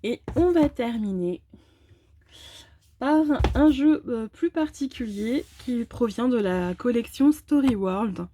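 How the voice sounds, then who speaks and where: A woman's voice: on the high side, animated, slow, warm tone, a little hiss or hum. A woman hosting a casual presentation of oracle card decks, chatty and hesitant with many fillers. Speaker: tarot and oracle card channel host.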